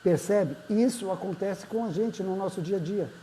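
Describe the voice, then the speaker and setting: A man's voice: high-pitched, normal speed, warm tone, slight background noise, low-quality recording. A man, a therapist giving a conversational talk and checking in with listeners by name. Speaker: therapist and speaker. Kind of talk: live-streamed talk greeting viewers.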